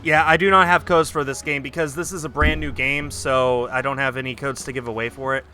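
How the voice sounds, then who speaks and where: A man streams a game and talks casually, thinking aloud as he works. His voice is mid-pitched, with loud music playing behind it. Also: fairly even intonation, a little fast.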